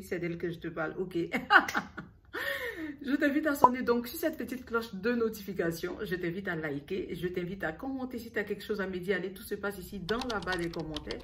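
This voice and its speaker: A young woman from Ivory Coast with an Ivorian French accent, talking to camera in a chatty, teasing vlog. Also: lowish voice. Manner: talks straight to the viewer, teasing, with playful asides. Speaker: beauty vlogger.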